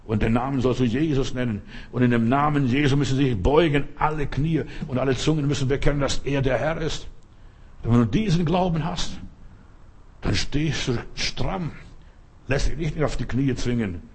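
Guy giving a sermon, kinda husky, leans hard on the big words and slows right down. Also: medium pitch, a little mellow. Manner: emphatic, repetitive preaching with slow drawn-out stresses. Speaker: preacher.

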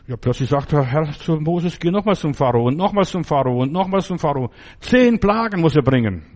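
A man's voice: a little high, a little mellow. Blunt, insistent male preacher. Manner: blunt, insistent, addresses listener directly. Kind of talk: sermon. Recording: dull lo-fi recording.

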